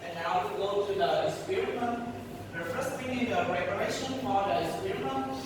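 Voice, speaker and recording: A man's voice: high voice, normal speed. A young man with a Vietnamese accent presenting a student thesis defense. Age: young adult. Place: large echoing room indoors. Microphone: distant room microphone. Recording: very echoey hall, distant mic, noisy.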